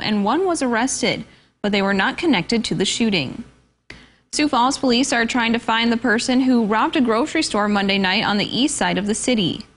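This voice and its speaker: A female news anchor reading scripted local news in a crisp, measured way. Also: a little high.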